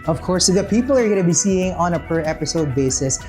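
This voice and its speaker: Male podcast host, upbeat intro read, clear music bed behind. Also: sits high, animated, quick pace, a little mellow. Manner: upbeat announcer-style welcome. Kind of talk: show introduction. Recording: music playing under the voice.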